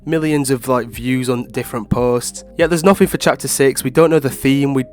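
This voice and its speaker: A man's voice: mid-range voice, a little fast, darkish tone. Congested, nasal man giving casual commentary. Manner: informal, rambling, frequent hedging with "like" and "obviously". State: ill with a blocked nose. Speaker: gaming video creator. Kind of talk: casual opinion commentary to viewers.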